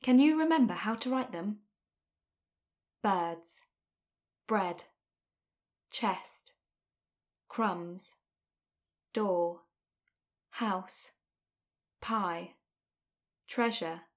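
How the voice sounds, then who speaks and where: A woman reads a rhyming storybook and word lists for a course book, with a clear, careful teacher's delivery. She speaks unhurriedly and pronounces each word distinctly at a mid pitch. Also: very slow, pauses often. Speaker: textbook audio narrator. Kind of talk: rhyming story reading and phonics drill.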